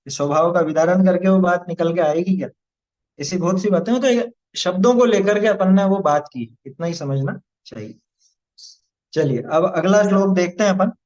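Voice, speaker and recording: A man teaching a devotional hymn who slowly chants its Sanskrit verses, then patiently explains each word and its pronunciation. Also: sits high, a little mellow. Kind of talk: verse-by-verse recitation and pronunciation lesson. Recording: slightly dull lo-fi recording.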